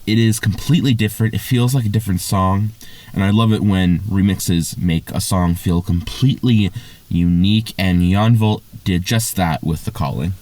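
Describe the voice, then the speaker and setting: A man's voice: deep voice, normal speed, darkish tone, no room sound. A man giving a casual spoken music review, enthusiastic and gushing, with lots of fillers and restarts.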